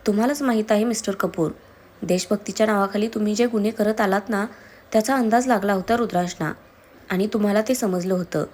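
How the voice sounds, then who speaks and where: A woman's voice: medium pitch, brisk, a little mellow, close to an everyday voice. A woman reading the lines of a fierce, grieving young woman who hurls accusations in a storybook reading. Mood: furious. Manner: heated, accusing.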